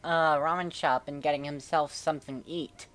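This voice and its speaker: A woman's voice: low voice, steady tone, normal speed, fairly bright tone. A woman co-hosting a comedic reading of fan fiction, with dry, mocking commentary.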